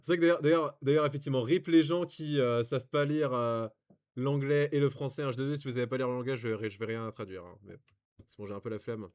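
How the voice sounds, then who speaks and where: Casting: young French-accented guy, rambly reviewer, mid-pitched voice. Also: fairly even intonation, quick pace, a little mellow. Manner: rambling, many fillers and restarts. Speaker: anime reviewer reading reviews. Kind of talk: casual commentary, reading aloud.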